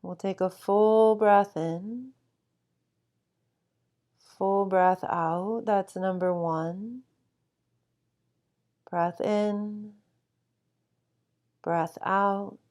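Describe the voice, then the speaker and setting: A woman guiding a sleep meditation with calm, soothing instruction and long, unhurried pauses. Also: medium pitch. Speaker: meditation guide.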